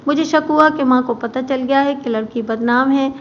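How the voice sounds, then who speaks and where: A woman's voice: sits high, moderate pace. Woman narrating a crime story. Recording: muffled with faint background hiss.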